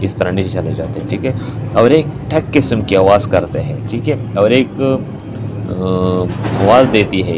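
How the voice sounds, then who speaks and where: A repair technician with a Pakistani Urdu accent gives a hands-on repair tutorial, explaining each step and repeating key words as he works. His voice is lowish, and the background is noisy.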